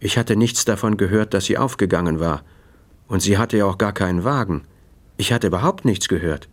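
A man reading a first-person audiobook in a dry, measured, matter-of-fact way. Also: on the low side. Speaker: narrator.

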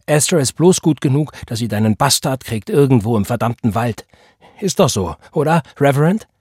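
A man's voice: medium pitch, moderate pace, darkish tone, husky, no echo, studio quality, natural voice. A man reading the part of a bitter, defiant young pregnant woman who speaks in a cold, taunting, accusing way.

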